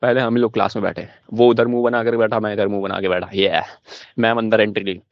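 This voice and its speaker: A young man doing stand-up comedy, telling a school story in an animated way and laughing along with it. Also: lowish voice, quick pace, dry recording, muffled recording.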